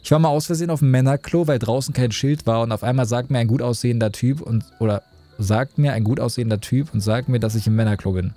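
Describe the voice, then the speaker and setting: A young man in casual live-stream chat with a mellow, relaxed tone. He jokes with his viewers and reads out their messages as he plays. Faint music runs behind him. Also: medium pitch, fast talker.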